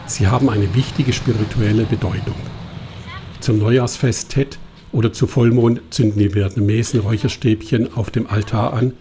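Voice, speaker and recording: Reading a scripted travel documentary voice-over, a man keeps his delivery even, calm and measured. His slightly low voice is warm and mellow, and a little hiss or hum can be heard in the recording.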